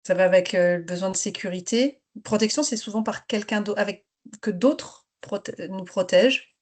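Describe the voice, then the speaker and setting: A teacher trainer leads an interactive online workshop for teachers over a video call, encouraging participants to share. Her voice is medium-pitched and a little mellow, at a normal speed.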